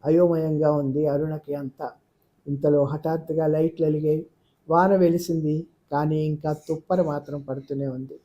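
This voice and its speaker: A man reading a novel aloud with steady, expressive storytelling. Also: fairly high pitch, normal speed. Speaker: audiobook narrator. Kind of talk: scripted novel narration.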